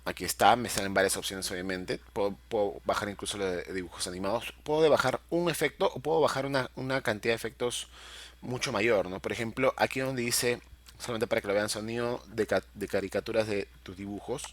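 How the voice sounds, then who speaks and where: A middle-aged man with a lowish voice, speaking a little fast, leads a video-editing class as a screen-recorded software tutorial. He patiently explains every step and checks in often with his students.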